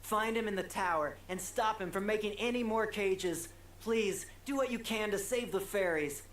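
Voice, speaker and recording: A woman's voice: medium pitch, moderate pace, a little hiss or hum, close to an everyday voice. Woman as an echoey, earnest fantasy game informant. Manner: formal, dramatic delivery. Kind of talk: scripted video game dialogue. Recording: echoey, roomy game audio.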